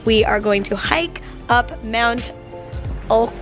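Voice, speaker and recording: A young woman in her twenties hosting a casual travel vlog, bubbly and chatty, talking in quick bursts. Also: on the high side, expressive. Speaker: travel vlogger host. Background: background music.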